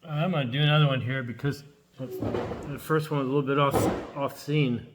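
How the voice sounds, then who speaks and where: A man who works as a locksmith, giving a casual hands-on demonstration and thinking aloud in a relaxed, halting way while he works. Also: mid-range voice, noisy background. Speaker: locksmith demonstrating key making.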